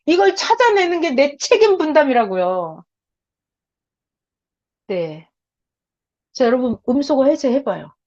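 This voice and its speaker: Animated woman preaching over a video call. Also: sits high, measured pace, pauses often, lo-fi sound. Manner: animated, asks the audience questions. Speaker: Bible teacher. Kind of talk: online Bible study sermon.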